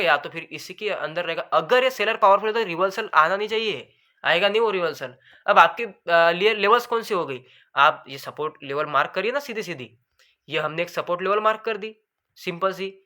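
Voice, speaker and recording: A man explaining trading charts in a rapid, nonstop lesson, says his throat goes dry, calls viewers brother. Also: high-pitched, pushed and bright. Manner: fast, talks continuously without pause; addresses viewers as bhai sahab. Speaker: trading educator. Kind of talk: screen-share chart lesson.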